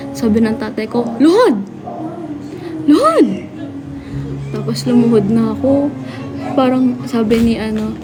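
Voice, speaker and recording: A young woman from the Philippines hosting a live stream, telling a story casually to her chat and acting out family members' shouting. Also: a little high. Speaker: livestream host.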